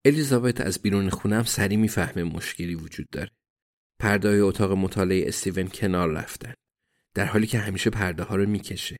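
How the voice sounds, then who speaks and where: A man narrating an audiobook in a measured, even reading. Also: sits low.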